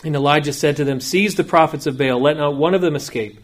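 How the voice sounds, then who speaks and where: Pastor, male, fairly high voice, measured dramatic scripture reading in church. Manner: measured, dramatic reading with slow emphatic phrases. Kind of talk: scripture reading then sermon.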